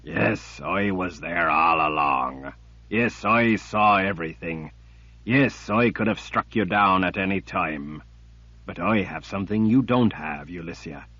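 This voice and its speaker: A man voicing a cruel, patient male emperor villain who speaks in a cold, deliberate, menacing way. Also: deep voice, sharp tone, dry recording, full character voice. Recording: dull lo-fi recording.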